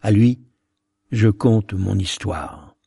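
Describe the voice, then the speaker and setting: Slow, dark-voiced man reading solemnly. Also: lowish voice, vocal fry, slightly rough, no room sound, studio quality. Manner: solemn, measured recitation. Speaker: narrator. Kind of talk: dramatic reading of a narrative poem.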